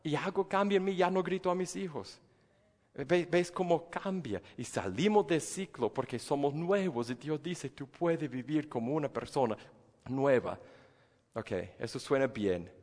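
A man's voice: fairly high pitch, expressive, measured pace, darkish tone, big-room sound. A male pastor preaching a sermon with earnest feeling. He often stumbles and repeats words, and acts out the inner dialogue of a believer.

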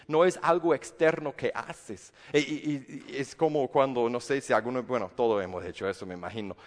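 Pastor man, casual sermon, stumbles and restarts, long hall reverb. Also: medium pitch. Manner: conversational, many restarts, acts out quoted voices.

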